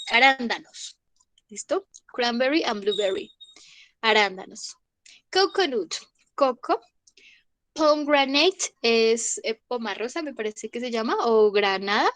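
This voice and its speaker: A young woman, teaching an English vocabulary class online. She goes slowly, says each word twice and checks in with the class. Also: fairly high pitch, expressive, a bit bright, no echo. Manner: slow, repeats each word and asks "¿listo?".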